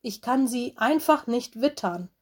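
A woman's voice: fairly high pitch, animated, unhurried, a little mellow, pitched above the performer's own voice. Woman voicing Mino, a nervous young wolf. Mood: anxious. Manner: anxious, insistent. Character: young male wolf cub, wary and nervous. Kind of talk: storybook reading.

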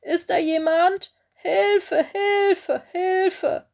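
Woman doing a scared young male wolf, high voice, stammering, tearful, pleading, storybook figure. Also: moderate pace, a little mellow. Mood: calling for help.

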